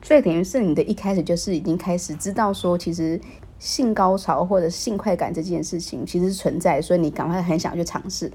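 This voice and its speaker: A woman's voice: lowish voice, fairly quick, mellow, breathy edge. A woman hosting a casual podcast chat, asking curious, probing questions.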